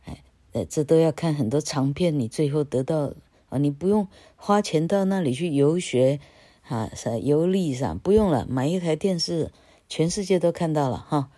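A woman gives a casual English lesson, chatty and wandering off topic, tagging phrases with "ha" and spelling words out slowly. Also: low-pitched, animated, mellow, dry recording. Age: 60s. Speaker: English teacher.

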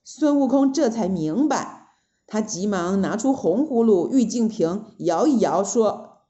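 A woman narrating a children's story in a lively, expressive way, often adding little fillers. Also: mid-range voice, unhurried, highs cut off.

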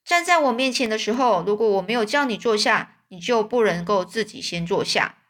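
A woman's voice: medium pitch, animated, fairly quick, fairly bright tone, natural voice. A woman voicing an old bald male swindler who claims to be a lost king, whining and grandiose. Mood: demanding.

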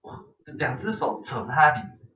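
A man's voice: mid-range voice, sing-song, fairly quick, pushed and bright, roomy sound, far from the mic, poor audio. A man hosting a casual podcast who chimes in with short reactions and teasing follow-up questions.

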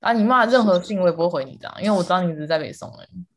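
A woman co-hosting a casual chat podcast, animated and quick to repeat words for emphasis, laughing often. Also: lowish voice. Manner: calls herself quick to anger. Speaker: podcast co-host.

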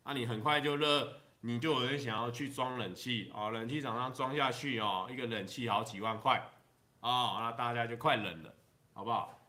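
A man with a Taiwanese Mandarin accent, casually chatting to a live stream audience. His voice is bright and forward, sitting at a middle pitch. He meanders through jokes, stretching his sentence endings and laughing at his own punchlines. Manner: rambling, drawn-out sentence-final particles, chuckles at his own jokes. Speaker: livestreamer. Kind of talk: casual livestream chat telling jokes.

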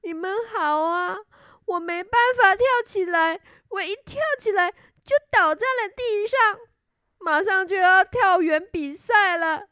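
A woman's voice: high voice, steady tone, slow pace, a bit bright, no echo, studio quality. A woman voicing a sad, anxious young male kangaroo in a storybook, speaking in a whiny, tearful, pleading way.

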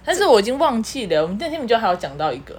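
A woman, co-hosting a casual podcast chat and telling stories quickly with giggles. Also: fairly high pitch, big pitch swings, breathy edge. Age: 30s. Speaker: podcast co-host.

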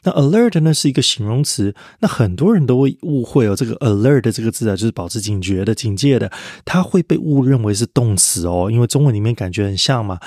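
A man's voice: mid-range voice, expressive, fairly quick, few pauses, a little mellow, no echo, studio quality. A man teaching English vocabulary in a podcast lesson, explaining word roots step by step and spelling words out letter by letter.

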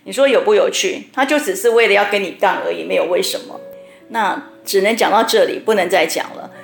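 Chatty Taiwanese woman, gravelly and roomy. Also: medium pitch, a little fast, faint music behind. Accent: Taiwanese Mandarin. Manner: chatty, with frequent 哦 and 吼 particles. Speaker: hypnotherapist host. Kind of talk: casual storytelling talk. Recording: roomy echo.

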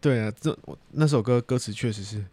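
A man's voice: mid-range voice, brisk, mellow, dry recording. Young guy podcast host, laid back, kinda sleepy, just chatting. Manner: easygoing, tired and yawning. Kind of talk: casual chat.

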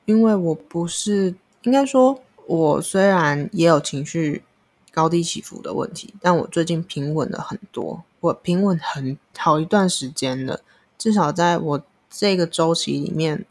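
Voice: medium pitch, husky. Earnest voice with Taiwanese Mandarin accent. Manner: earnest, candid, speaks of own experience. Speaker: vlogger offering emotional support. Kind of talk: casual vlog monologue.

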